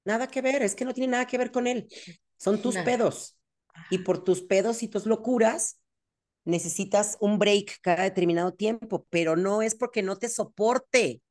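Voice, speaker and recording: A Mexican woman co-hosting a podcast, agreeing and adding quick remarks in casual chat. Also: mid-range voice, darkish tone. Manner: affirming, quick interjections. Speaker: podcast co-host.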